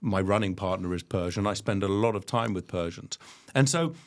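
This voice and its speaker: A low-voiced man speaks as an interview guest. He talks reflectively, pausing on ums and restarting his sentences as he thinks aloud. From London, England. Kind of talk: conversational interview.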